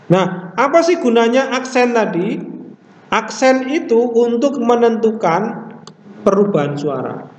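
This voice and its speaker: A man teaching a classroom language lesson, explaining step by step and repeating words slowly to model pronunciation. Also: high voice, a little mellow. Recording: echoey room, distant mic, dull lo-fi sound.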